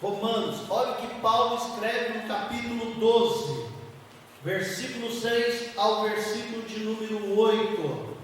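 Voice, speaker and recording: High-voiced man preaching in an echoey hall. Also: unhurried, fairly bright tone. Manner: emphatic, rising questions answered to the congregation. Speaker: evangelical bishop preaching. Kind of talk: sermon. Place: church hall. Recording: echoey hall from far off, faint noise.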